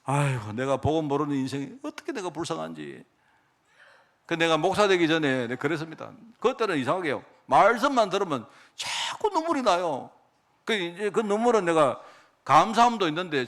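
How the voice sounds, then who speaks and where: Middle-aged male preacher, fairly high voice with a wide, expressive range, emotional, folksy sermon that keeps asking for agreement. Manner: emotional, conversational, asks the congregation for agreement. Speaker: pastor.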